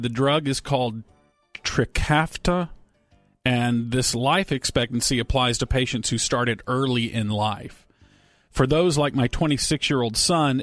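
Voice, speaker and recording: A man with a medium-pitched, fairly bright voice hosts a casual sports radio talk show, recorded with no echo. He rambles and jokes while reading listener emails and bantering with his co-hosts.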